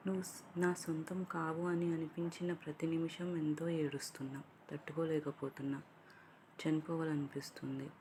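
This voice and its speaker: A woman's voice: deep voice, little pitch movement, normal speed, slight background noise, lightly acted. A woman playing a heartbroken young woman. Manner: emotional, soft-spoken confession. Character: heartbroken young woman in love, quietly patient.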